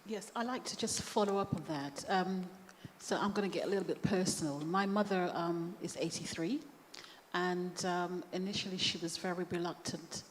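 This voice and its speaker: A woman in her fifties on a church panel, telling a personal story in a lively, conversational way. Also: on the low side, moderate pace. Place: church hall. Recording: echoey hall, faint background noise.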